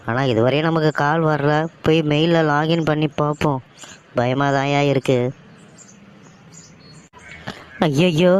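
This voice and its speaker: Guy doing a jittery young office guy for a cartoon, tamil accent, higher smooth voice. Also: lightly acted. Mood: panicking. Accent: Tamil Nadu Tamil. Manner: dismissive, then panicky and whiny. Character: anxious young office-worker son and husband. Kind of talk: cartoon story voice acting.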